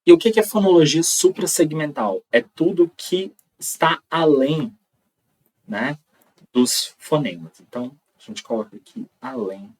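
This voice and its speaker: A man's voice: on the high side, animated, measured pace, darkish tone, husky, far from the mic, low-quality recording. A man with a Brazilian accent teaching an online lecture, explaining step by step and checking in with frequent "tá?". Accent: Brazilian Portuguese.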